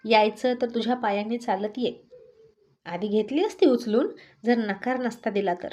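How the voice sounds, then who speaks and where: A woman's voice: fairly high pitch, normal speed, a little mellow, natural voice. A woman reading a story aloud and voicing a stubborn, teasing young husband who talks in a firm, scolding way. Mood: teasing stern.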